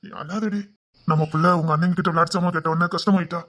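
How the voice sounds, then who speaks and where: An actor playing a jobless husband in a family drama, speaking Tamil with a Tirunelveli accent in an anxious, pleading way, at times slowed down by tears. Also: male voice, a little high, fairly even intonation, fairly bright tone, natural voice. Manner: anxious, pleading, cries and slows when upset. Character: jobless husband, guilt-ridden and tender. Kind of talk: web series family drama.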